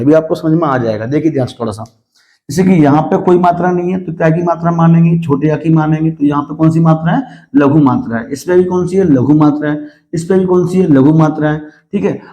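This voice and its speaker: A man's voice: fairly high pitch, dark tone. A man teaching Hindi grammar to students, often checking in with "theek hai" and asking questions that he answers himself. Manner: recites verse slowly and deliberately. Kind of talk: classroom-style lesson.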